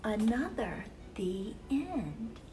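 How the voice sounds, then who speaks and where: A woman reads picture books to young listeners during a children's story time, expressive and deliberate in her phrasing. Her slightly high voice has a dark tone and big pitch swings, with slight background noise.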